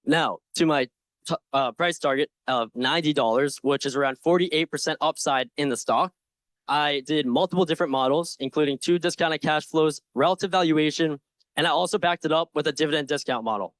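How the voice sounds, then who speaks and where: A young man confidently and earnestly giving a prepared investment pitch with slides, with some informal asides. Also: fairly quick, a bit bright, dry recording. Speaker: presenter in a stock pitch competition.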